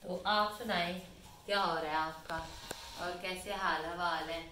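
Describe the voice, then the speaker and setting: A woman from Pakistan chats to viewers in a casual phone vlog at home, heading in and out of doors, rambling in one breath and constantly saying "theek hai." Her fairly low voice is bright and forceful, with a steady tone at a measured pace. The audio carries room echo, faint ambience, and a little hiss or hum.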